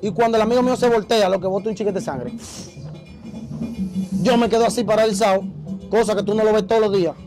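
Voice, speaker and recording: Fast-talking man. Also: sits high, music in the background, low-quality recording. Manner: animated, acts out quoted voices. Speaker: interview guest. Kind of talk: casual storytelling.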